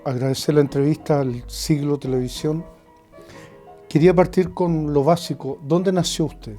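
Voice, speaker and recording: Male interviewer, very dark tone. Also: on the high side, steady tone, normal speed, faint music behind. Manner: direct, probing questions. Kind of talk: interview questioning.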